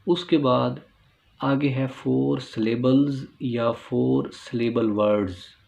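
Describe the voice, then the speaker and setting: A man whose first language is Urdu, explaining English syllables as a teacher, stretching out example words slowly and asking rhetorical questions. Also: medium pitch, fairly even intonation, creaky, a little mellow. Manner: slow, drawn-out word pronunciation with repeated rhetorical questions. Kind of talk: classroom-style explanation.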